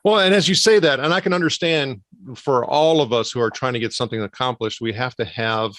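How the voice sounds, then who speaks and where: A man's voice: mid-range voice, a bit bright, no room sound. Man hosting an interview, dry close sound. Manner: long winding questions, measured. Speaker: podcast host. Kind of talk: casual interview conversation.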